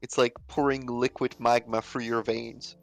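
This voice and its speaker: A man's voice: medium pitch, little pitch movement, moderate pace, creaky, soft background music. A man co-hosting a casual playthrough, explaining game lore at length with many uhs and dry humor.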